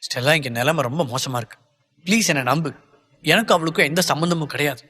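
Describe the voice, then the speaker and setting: A man's voice: a little high, fast talker, sharp tone, husky, in a large hall. A man playing an earnest, pleading young lover. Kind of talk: audiobook character voicing.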